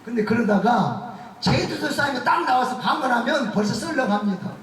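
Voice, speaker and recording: A man's voice: very high-pitched, normal speed. A male pastor preaching a revival sermon, telling stories with humor and laughter. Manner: humorous, animated storytelling with laughter. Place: church sanctuary. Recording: echoey church hall, voice from far off.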